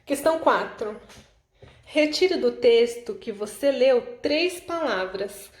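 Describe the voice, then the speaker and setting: A Brazilian woman teacher with a slightly high voice talks through exercise answers. She speaks patiently and explains each step. The room echoes around her. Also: expressive, slow. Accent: Brazilian Portuguese. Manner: patient, explanatory, checks in with frequent "tá?". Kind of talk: correcting homework exercises.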